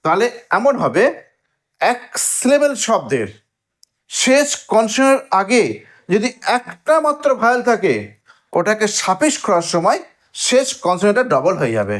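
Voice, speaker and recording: A man's voice: sits high, big pitch swings, moderate pace. A man teaching English grammar in a classroom lesson, explaining step by step and checking with frequent questions, drawing out words when he spells or stresses them.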